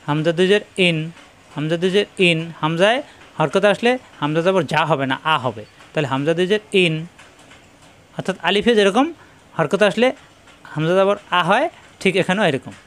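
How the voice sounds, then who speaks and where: A man teaching Quran reading. He spells out letters and vowel marks slowly and repeats each sound patiently. His voice sits a little high for a man. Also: a bit bright. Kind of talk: spelling-out recitation lesson.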